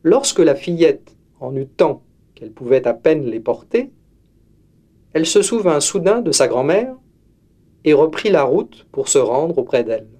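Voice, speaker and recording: A man reading a fairy tale aloud as narrator, slow and expressive. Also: fairly high pitch. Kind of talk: storybook reading.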